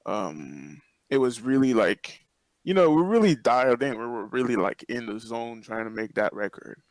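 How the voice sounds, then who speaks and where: A man's voice: medium pitch, animated, moderate pace, no echo, rough recording. A man in a band chatting casually, emphatic, often repeating himself for stress. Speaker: band member. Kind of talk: casual chat.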